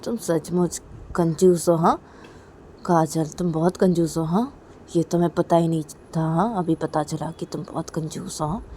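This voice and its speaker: A woman's voice: deep voice, normal speed, mellow, slight background noise, natural voice. A woman voicing a bossy female cousin who taunts and insists. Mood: taunting.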